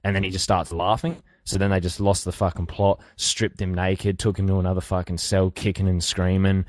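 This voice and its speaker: Profane Australian man, very deep and flat. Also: a little fast, dry recording, clean studio sound. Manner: profane, rambling, laid-back. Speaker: interview guest. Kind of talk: casual storytelling.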